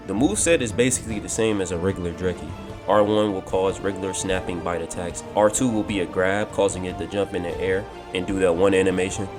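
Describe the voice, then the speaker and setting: Deep-voiced man narrating a game story. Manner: steady, explanatory storytelling. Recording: voice over clear background music.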